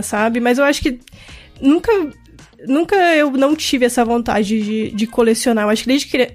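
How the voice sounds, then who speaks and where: A woman chatting casually on a podcast, relaxed and self-deprecating. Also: fairly high pitch. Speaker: podcast guest. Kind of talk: casual chat.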